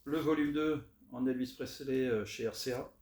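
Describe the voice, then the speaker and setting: A man's voice: mid-range voice, normal speed. Chatty man in an echoey room. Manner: relaxed and chatty, hesitant with many fillers. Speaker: record collector showing his finds. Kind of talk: casual unboxing chat. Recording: roomy echo, faint noise.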